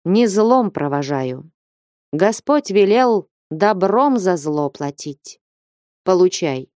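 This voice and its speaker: A woman reading the part of a stern older merchant who lectures and commands a young man in slow, weighty warnings. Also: on the low side, expressive, a little mellow, dry recording, studio quality.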